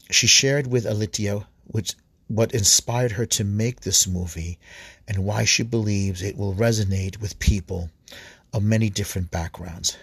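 Priest-host, low husky voice, dry close sound; reads an article aloud, trips over words and fixes them. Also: male voice, dry recording. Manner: halting, restarts words and corrects himself. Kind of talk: reading an article aloud with commentary.

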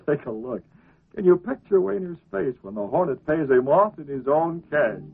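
An actor playing a confident, wry masked vigilante who sounds assured and commanding, in 1940s radio style on a tinny recording. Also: male voice, a little high, expressive, moderate pace, creaky, over loud music. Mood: confident, amused.

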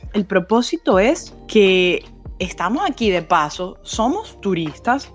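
A Venezuelan woman pours herself into a heartfelt faith testimony, talking with open feeling and passion. Her pitch sits at an ordinary middle height for a woman. Soft music plays faintly underneath. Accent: Venezuelan Spanish. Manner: emotional, passionate storytelling. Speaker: podcast host.

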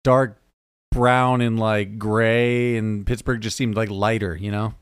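A man who grew up around Chicago, chatting casually about a movie as a podcast co-host, jokey with quick asides. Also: on the low side, little pitch movement, clear, resonant tone, dry recording, clean studio sound. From Chicago area.

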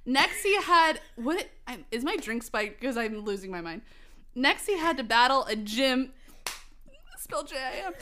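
A young woman gives a comedic dramatic reading, giggly and quick to break up as she comments on the text. Her voice is high and bright, and it swings widely in pitch. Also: animated. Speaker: host reading a fan story.

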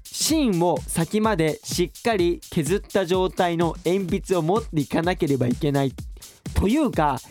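A young man in his twenties hosting a casual radio show, reading listener messages aloud slowly and joking with his co-hosts. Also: high voice, faint music behind. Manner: animated, reads aloud slowly and carefully, then jokes.

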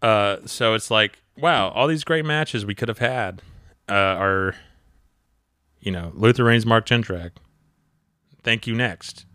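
In a studio-quality recording with no room sound, a thirty-year-old co-host chats animatedly about wrestling, often laughing and mimicking people's voices. His fairly low voice moves slowly and pauses often.

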